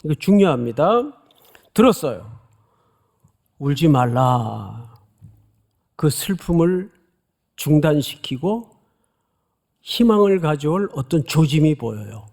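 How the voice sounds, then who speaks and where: A middle-aged man preaches to his congregation in a high, rough, gravelly voice. His pitch leaps and falls with dramatic emphasis, and he keeps asking his listeners questions. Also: very animated, measured pace, long pauses. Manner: dramatic preaching, voices the angel's loud cry; addresses congregation directly with questions. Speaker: pastor. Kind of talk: expository sermon.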